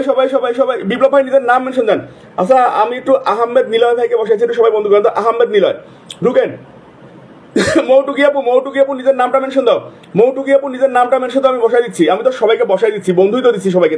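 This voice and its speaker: Fast high-voiced man calling out names. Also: husky. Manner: repetitive, rapid name calling. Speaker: livestream host. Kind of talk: casual live-stream shout-outs.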